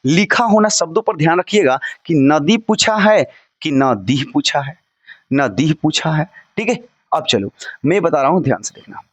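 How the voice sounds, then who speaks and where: A man's voice: a little high, no room sound. A male teacher giving a recorded lesson, drilling word forms with his students and repeating them over and over.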